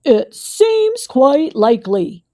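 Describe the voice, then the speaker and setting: A woman voicing a gruff, grumpy male bear in a storybook reading, slow and pompously formal. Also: sits high, very animated, dark tone, heavily acted. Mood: grand.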